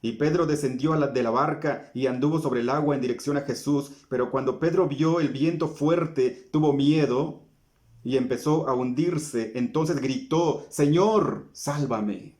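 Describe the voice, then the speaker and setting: A man's voice: mid-range voice, steady tone, moderate pace, a little mellow. A man preaching a sermon in an earnest, pleading way, often stopping to ask his listeners questions. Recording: roomy echo.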